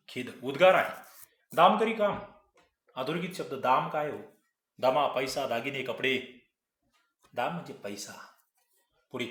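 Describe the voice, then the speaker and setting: A man's voice: on the high side, a bit bright, reverberant. A man, teaching grammar and explaining quiz answers, asking the class rhetorical questions. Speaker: exam-prep grammar teacher.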